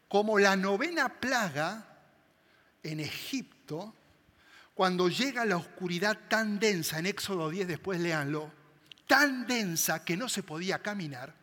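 A man preaching a sermon, swinging dramatically between loud emphasis and hushed tones. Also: sits high. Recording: long hall reverb.

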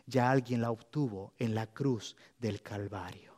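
A man preaching a sermon as pastor, lively and playful, speaking straight to his congregation while leading them on a walk. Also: on the low side, unhurried. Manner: lively, addresses the congregation directly, playful asides; leads the congregation walking around the room.

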